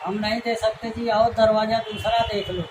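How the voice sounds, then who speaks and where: A man's voice: high voice, level tone, moderate pace. A man acting as a house owner who curtly turns a beggar away. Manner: curt, dismissive. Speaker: house owner refusing to give. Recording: echoey, far from the mic, noisy.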